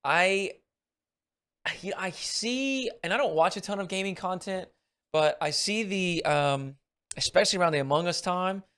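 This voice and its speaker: American man, podcast host, higher-pitched, reflective conversational tone. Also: moderate pace, a bit bright, clear, resonant tone. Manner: thoughtful, reflective musing. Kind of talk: casual podcast chat.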